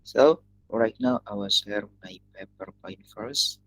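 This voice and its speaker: A man with an Indonesian accent teaching an English lesson in an online class, talking in halting phrases that he often restarts. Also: on the low side, fairly bright tone, no echo, low-quality recording.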